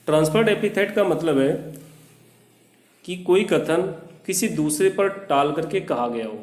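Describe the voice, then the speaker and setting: A man explains a poem to students, reading each English line with slow deliberation before he breaks it down. His voice sits a little high, and his unhurried delivery echoes around the room. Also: darkish tone. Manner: reads the English lines very slowly, then explains them. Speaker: English teacher.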